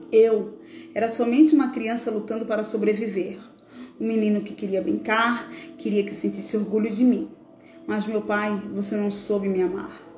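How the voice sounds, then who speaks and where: Woman reading gravely in an echoey room. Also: mid-range voice, dark tone. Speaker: live show host. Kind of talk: solemn reading of a tribute text.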